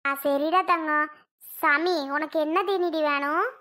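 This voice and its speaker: A patient, motherly aunt in a cartoon, voiced by a woman, coaxing and comforting. Her voice is high and bright. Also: steady tone, a little slow. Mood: soothing. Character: kind middle-aged aunt, soothing and patient. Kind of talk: cartoon voice acting.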